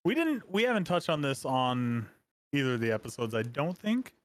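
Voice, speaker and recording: A man's voice: medium pitch, moderate pace. A man co-hosting a podcast, joking and rambling in casual chat. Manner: animated, jokey, rambling with fillers. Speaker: podcast co-host.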